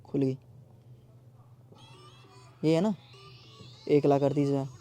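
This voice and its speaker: A man's voice: medium pitch, fairly even intonation, slow pace, dark tone, faint music behind. A young man vlogging in casual chat, pleading and consoling, often repeating himself. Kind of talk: casual prank vlog chat.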